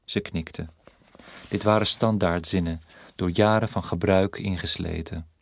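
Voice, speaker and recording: Deep-voiced man narrating a story. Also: steady tone, measured pace, creaky. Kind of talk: audiobook narration.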